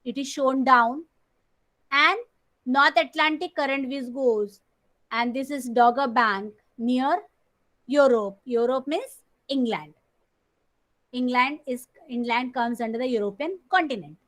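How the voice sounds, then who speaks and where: A woman teacher with a Marathi accent, explaining slowly in an online class, heard on a screen recording of the call. She repeats key terms and often clears her throat. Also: high voice, fairly bright tone, rough recording.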